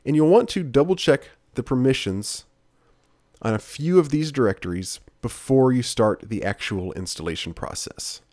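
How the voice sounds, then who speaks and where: A man narrating a software tutorial screencast as instructor, in a steady, plain-spoken, explanatory way. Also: mid-range voice, moderate pace, no room sound, studio quality.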